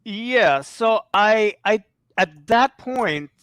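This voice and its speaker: A man's voice: high voice, expressive, extremely slow, fairly bright tone, no echo. A man telling a story in casual conversation, laughing often, swearing and repeating himself.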